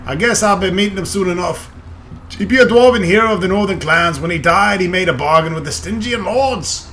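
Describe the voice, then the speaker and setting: High, agitated ghostly dwarf warrior. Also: male voice, pushed and bright, heavily acted. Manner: archaic dialect with 'ye' and 'be', exclamatory.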